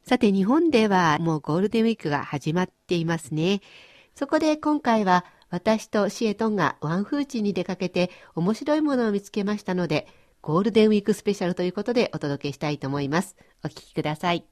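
A woman hosting a radio language lesson, explaining phrases in a friendly, clear, instructive way. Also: mid-range voice, lively intonation, fast talker, darkish tone. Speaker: language teacher and host.

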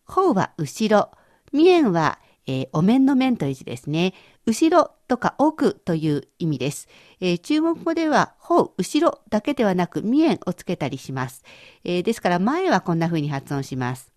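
A woman's voice: mid-range voice, very animated, moderate pace, darkish tone, no room sound, studio quality. A woman teaching Chinese vocabulary in a radio lesson, explaining each word patiently and carefully.

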